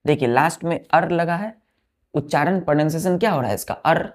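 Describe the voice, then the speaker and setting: A woman teaching a vocabulary lesson, repeating words slowly and checking that the children follow, with an Indian English accent on the English words. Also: sits low. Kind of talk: vocabulary lesson, explaining word by word.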